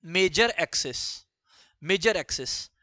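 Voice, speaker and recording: A man's voice: high voice, lively intonation, takes it slowly, sharp tone, no echo. A man teaching a maths lesson to students, repeating key phrases and firing questions at the class.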